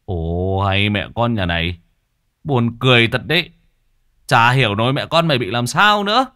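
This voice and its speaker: A man voicing a grumbling older village husband with a gruff, puzzled manner, in a storybook reading. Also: mid-range voice, animated, moderate pace, bright, forceful tone, no echo, clean studio sound.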